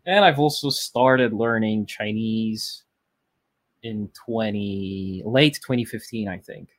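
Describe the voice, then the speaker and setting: Speaking slowly in a lowish voice, a podcast guest from Poland, thirty years old and a native Polish speaker, wanders through a casual interview full of fillers and restarts. The recording is dry.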